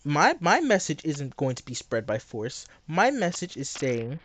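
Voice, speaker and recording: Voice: mid-range voice, very animated, a little slow, a bit bright, no echo. A teenage live streamer chatting and debating bluntly and casually while chewing gum. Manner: blunt, argumentative.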